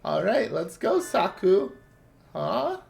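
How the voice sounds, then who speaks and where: A man's voice: high voice, sing-song, takes it slowly, vocal fry, darkish tone. A man streaming a game playthrough, chatting playfully and teasing his co-host. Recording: faint music behind.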